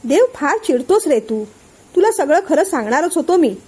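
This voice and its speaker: A woman voicing a calm older man who patiently explains and soothes his friend. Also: high voice, moderate pace. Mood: calm, persuasive. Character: calm older male friend and family elder.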